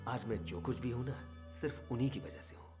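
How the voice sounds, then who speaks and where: A man's voice: mid-range voice, brisk, over music, lightly acted. A man playing a stern village patriarch. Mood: grieving. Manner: emotional, then shouting angrily. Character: stern middle-aged village patriarch, foster father. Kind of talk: Hindi film dub.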